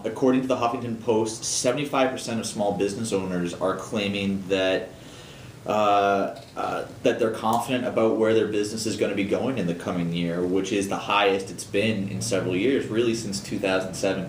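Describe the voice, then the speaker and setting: A deep-voiced man co-hosts a small business news show, speaking loosely with frequent fillers and false starts. The room gives his voice a noticeable echo, with a faint rumble underneath. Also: steady tone. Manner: halting, many fillers and restarts. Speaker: co-host. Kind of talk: casual news chat.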